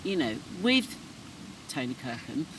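A woman's voice: low-pitched, big pitch swings, measured pace. A woman host asking questions and gushing over her guests' stories. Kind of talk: interview questions. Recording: distant mic, background noise.

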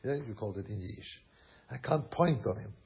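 A man's voice: fairly low pitch, lively intonation, a little fast, creaky, dull audio. A man from Switzerland teaching a Torah class, talking animatedly, repeating phrases and mixing in Yiddish and German words. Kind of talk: Torah lecture.

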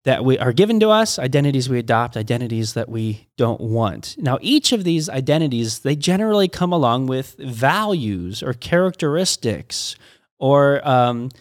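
A middle-aged pastor with a medium-pitched, very animated voice talks through ideas in a casual teaching conversation. He halts often, restarting and stammering frequently. The recording is clean studio sound with no echo.

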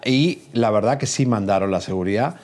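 A man's voice: on the low side, fairly quick, darkish tone. A man co-hosting a gossip show, joking as he tells a story in casual chat. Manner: jokey, storytelling.

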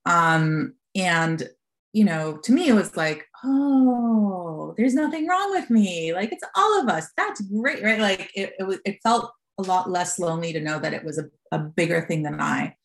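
Her lowish voice has lively intonation and runs a little slow. A fund founder from Costa Rica in her forties, she's a podcast guest telling her story in a candid, filler-heavy way.

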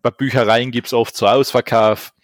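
A man's voice: mid-range voice, steady tone, moderate pace, no room sound. A man chats casually and hands out blunt advice in an ordinary mid-range voice. His microphone is overdriven, so every phrase clips and distorts. The sound is dry and close, with no room around it. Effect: clipping distorted mic. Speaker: podcast co-host. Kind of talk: casual chat.

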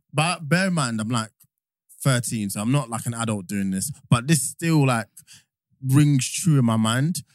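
A young London-accented man hosts a casual podcast in a mid-pitched voice with very little room sound. His talk is slangy and agreeable. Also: lively intonation, unhurried, pauses often, no room sound, studio quality. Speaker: podcast host. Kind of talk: casual chat.

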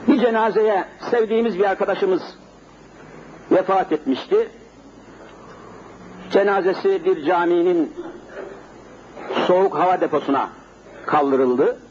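A man's voice: sits high, a little slow, long pauses. A middle-aged male preacher giving a sermon in a mosque, telling a story vividly and speaking directly to his congregation. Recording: dull lo-fi sermon recording, faint noise.

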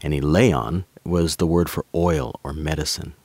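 A man's voice: rumbling low, steady tone, measured pace, a little mellow, no echo. A man, a pastor and author, guesting on a faith podcast, explaining scripture in an enthusiastic conversational way. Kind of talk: conversational teaching.

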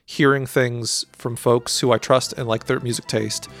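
A man's voice: medium pitch, steady tone, moderate pace, a bit bright. A man hosting a music podcast in casual, enthusiastic chat, often rephrasing himself.

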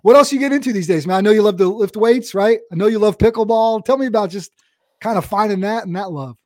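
A man's voice: high-pitched, quick pace, a little mellow, no echo, studio quality. A man hosting a podcast interview, friendly and affirming, casually calling his guest "man" and "bro.". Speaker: podcast host.

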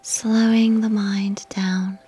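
A woman whispering a slow, soothing guided sleep meditation. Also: medium pitch, level tone, husky, highs cut off. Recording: soft music behind.

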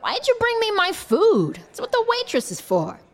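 Female actor as brash, foul-mouthed sidekick, extremely high pitch, lively swooping delivery, quick to snap. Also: exaggerated voice. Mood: disgusted, snappy. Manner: snappy, exasperated. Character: feisty, foul-mouthed, easily disgusted female friend. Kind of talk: audio comedy acting.

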